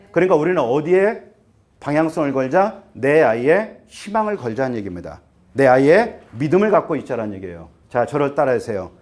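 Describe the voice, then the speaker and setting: Animated man in his fifties lecturing parents. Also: on the high side. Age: 50s. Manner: animated, rhetorical questions, acts out students and parents; gets excited and trips over words. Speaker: academy teacher giving a parent briefing.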